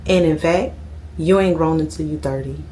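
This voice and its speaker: A thirty-year-old woman vlogger sits at home chatting casually to her camera in a low voice at a moderate pace. She tends to tag "okay?" onto the end of her lines.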